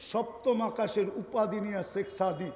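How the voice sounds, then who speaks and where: A man preaching a waj sermon, fervent, firing rhetorical questions at the crowd and swinging from soft to loud. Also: high voice, fairly even intonation, moderate pace. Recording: long hall reverb.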